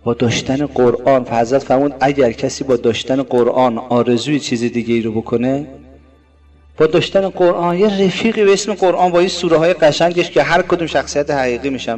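A man preaching a sermon. He swings between loud, emphatic rises and soft, low asides, and draws out quoted Arabic phrases slowly. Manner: drawn-out Arabic quotations.

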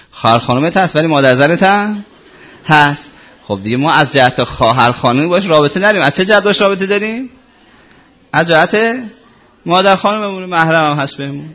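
A man's voice: fairly high pitch, pushed and bright. A middle-aged male cleric giving a conversational religious talk, repeating himself and asking rhetorical questions. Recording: muffled lo-fi recording.

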